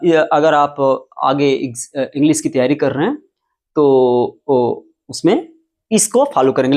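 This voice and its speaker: A man teaching English at a whiteboard who explains step by step, spells words out letter by letter and repeats them slowly. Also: a little high, darkish tone. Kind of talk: whiteboard lesson. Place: classroom with whiteboard.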